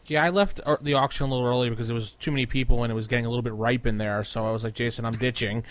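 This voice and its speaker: A man hosting a podcast in relaxed, informal chat. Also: medium pitch, very fast. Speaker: podcast host.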